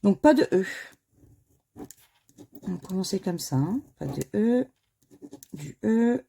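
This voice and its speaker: A woman's voice: mid-range voice, expressive, takes it slowly, gravelly, dark tone, a little hiss or hum. A woman who talks casually to her viewers while scratching lottery tickets, spelling out letters one by one and muttering under her breath between them. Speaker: scratch-card vlogger.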